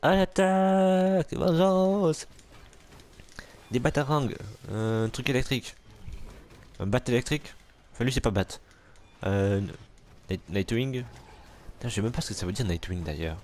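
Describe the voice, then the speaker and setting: Gamer guy rambling through a let's play, bit low voiced, swears a lot, trash talks the bad guys. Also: fairly quick, pauses often, darkish tone. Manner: casual, crude, joking, talks to enemies on screen. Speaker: gamer commentating gameplay.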